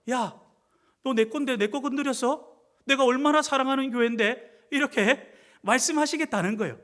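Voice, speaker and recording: High-voiced animated pastor preaching. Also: male voice. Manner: animated, acts out quoted speech. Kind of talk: sermon. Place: church.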